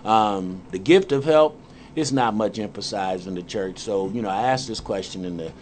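Upbeat low-voiced man hosting radio. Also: moderate pace, very noisy. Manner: upbeat, animated, laughs easily. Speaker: radio show host.

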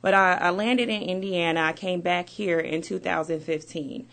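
A woman's voice: lowish voice, steady tone, gravelly, a bit bright. Chatty, upbeat woman radio guest. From United States. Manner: upbeat, chatty, quick bursts. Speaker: guest, community ministry founder. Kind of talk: radio interview. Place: radio studio.

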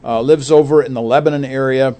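A man's voice: mid-range voice, steady tone, quick pace, warm tone. A man co-hosting a faith radio show, talking earnestly with many fillers and restarts. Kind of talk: casual radio talk.

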